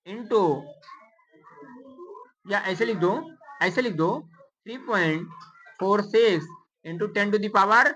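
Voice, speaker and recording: In this low-quality recording with slight background noise, a woman math teacher gives a classroom lesson, counting digits aloud with English number words mixed in. She quizzes pupils through repeated questions, coaxingly addressing them as "beta," in a mid-range, fairly bright voice.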